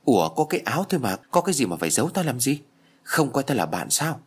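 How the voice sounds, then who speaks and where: A man's voice: mid-range voice, very animated, quick pace, husky. A man voicing a brash teenage village boy who bluntly tells his friends what to do.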